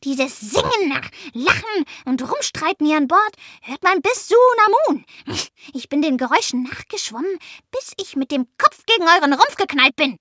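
A woman's voice: high voice, pushed and bright, no echo, clean studio sound, voice pushed up, exaggerated voice. A woman voicing a small, grumpy, boastful male goblin who curses and brags in a storybook reading. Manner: cursing, bragging, grumbling.

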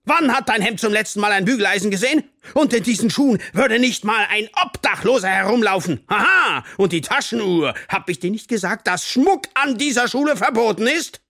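A man's voice: sing-song, normal speed, few pauses, fairly bright tone, no echo, studio quality. A man reading an audiobook, voicing a pompous, bullying male teacher who bellows his lines. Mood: ranting. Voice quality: shrill bellowing.

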